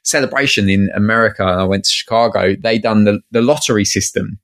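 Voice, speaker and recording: A man's voice: lowish voice, fast, a bit bright. A man with an Essex accent chatting casually and colloquially, telling anecdotes in a matey way. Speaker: guest, toy collector. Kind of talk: casual chat.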